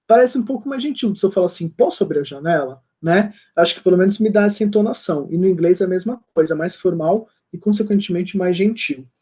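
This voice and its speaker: A man with a Brazilian Portuguese accent teaching a basic English class, patiently reading English examples slowly and then translating them. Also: sits high, dark tone, husky, dull audio. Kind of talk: online English class explanation.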